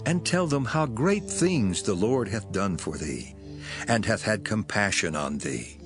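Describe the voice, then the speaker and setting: An actor playing Jesus as a calm, authoritative and compassionate healer, speaking solemnly in dramatized scripture. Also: male voice, fairly low pitch. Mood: gentle, assuring. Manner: solemn, deliberate. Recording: loud music behind the voice. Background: music.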